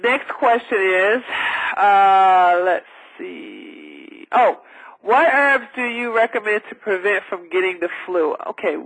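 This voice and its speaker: A man with a high, sing-song, creaky and somewhat bright voice hosts a call-in radio health advice show, speaking slowly over a phone-based line. He rambles and repeats himself with many fillers and restarts, sounding emphatic and preachy. The recording is rough.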